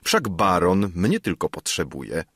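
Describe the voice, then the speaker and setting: A man reading an audiobook voices a blunt, commanding old grandfather who scolds loudly in a raised voice. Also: low-pitched, big pitch swings, measured pace, no echo, studio quality, heavily acted. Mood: scolding, gruff.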